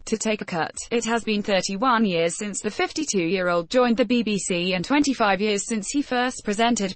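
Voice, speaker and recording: A woman's voice: mid-range voice, no room sound. A woman narrating a scripted news article, reading it aloud.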